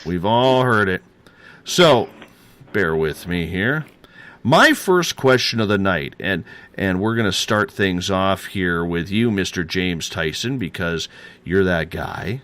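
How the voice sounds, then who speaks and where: A man's voice: low-pitched, animated, slow, a bit bright. A man hosting a paranormal talk show, chatty and rambling, just over a throat and chest cold. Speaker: host.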